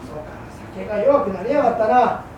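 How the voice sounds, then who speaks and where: A gruff, hard-drinking fishmonger with a rough old Edo Tokyo working-class accent, as a woman puts him on in a storyteller's act. His lines come clipped and blunt. The voice sits far off in a very roomy, echoing hall with a faint hum behind it. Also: medium pitch, fast, muffled recording, lightly acted. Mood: easygoing. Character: hard-drinking male fishmonger, rough, boastful, then repentant.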